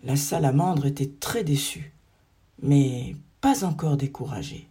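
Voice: mid-range voice, unhurried, slightly rough. A storyteller narrating a fable in scripted storybook style. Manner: expressive, fable-telling.

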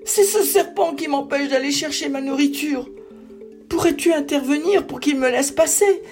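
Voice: high-pitched, normal speed, darkish tone, faint music behind, voice pushed up. A narrator voicing a small, hungry salamander who pleads politely for help in a storybook tale. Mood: desperate.

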